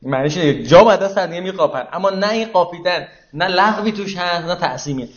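High-voiced man teaching in an echoey room. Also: lively intonation. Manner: conversational, explains with rhetorical questions to the audience. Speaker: religious teacher. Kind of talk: informal lecture on Quranic verses. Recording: echoey, dull lo-fi room recording.

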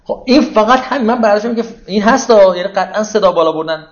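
A man giving an informal religious lecture, explaining verses conversationally and asking the audience rhetorical questions. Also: high voice. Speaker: religious teacher. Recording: echoey, dull lo-fi room recording.

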